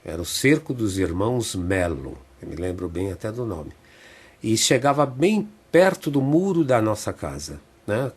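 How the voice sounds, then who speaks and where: Older husky-voiced Brazilian man reminiscing. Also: lowish voice, sing-song. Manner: unhurried reminiscing, frequent tag questions. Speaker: theatre director, interview guest. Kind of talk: reflective storytelling in a radio interview. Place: radio studio.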